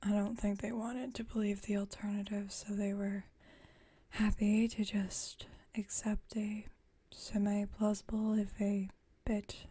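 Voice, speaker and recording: A woman plays a female vampire roommate in an intimate, one-sided ASMR roleplay, speaking in a soft, breathy whisper with a dark, mellow tone at medium pitch with little pitch movement. She chats slowly and unhurriedly in a conversational way, lightly wry and gently exasperated.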